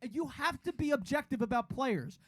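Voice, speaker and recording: A man's voice: extremely high pitch, animated, a little fast, fairly bright tone, dry recording. A man co-hosting a sports podcast in casual banter, arguing his points insistently and repeating himself. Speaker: podcast co-host.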